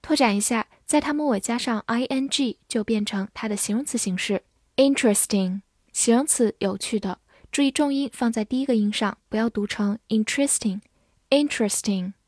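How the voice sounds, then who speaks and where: A woman teaching English vocabulary, spelling words letter by letter and modelling slow repetitions. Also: a little high, darkish tone, dry recording, clean studio sound. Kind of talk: vocabulary lesson, spelling and slow read-alouds.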